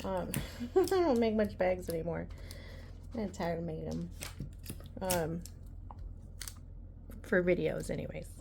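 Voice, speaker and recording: A woman's voice: fairly low pitch, slow, vocal fry, long pauses, mellow. Woman, casual crafting how-to, rambling chatty delivery, faint room hum behind. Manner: chatty, rambling, many ums. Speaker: embroidery tutorial host.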